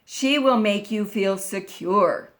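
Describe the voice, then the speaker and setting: A woman voicing a kindly father in a children's story, steady and reassuring. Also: medium pitch, slow pace, natural voice.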